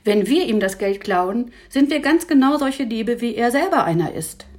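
A woman's voice: fairly high pitch, animated, moderate pace, darkish tone, voice pushed up, close to an everyday voice. Woman playing a lecturing know-it-all boy. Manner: lecturing, indignant. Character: bossy clever boy leader, lecturing.

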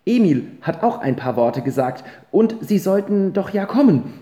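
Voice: mid-range voice, very animated, moderate pace, dark tone, pitched above the performer's own voice, natural voice. A reader voicing a chatty, bustling baker's wife in an audiobook. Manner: bustling, gossipy. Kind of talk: audiobook character reading. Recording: roomy echo.

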